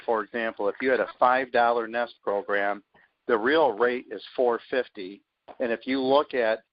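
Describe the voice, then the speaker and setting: On a conference call, a sales team leader delivers a motivational pitch with confidence and emphasis, punching his points. His voice is medium-pitched and dry, coming through a dull, lo-fi conference phone line.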